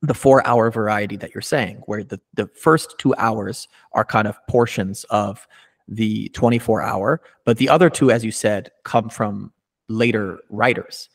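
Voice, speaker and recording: A man's voice: on the low side, unhurried, creaky. A man in his thirties hosting an interview over a video call, asking detailed, thoughtful questions into a studio mic with a pop filter. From United States. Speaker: podcast host. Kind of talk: conversational interview. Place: small indoor room, video call. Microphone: studio mic with pop filter, headphones.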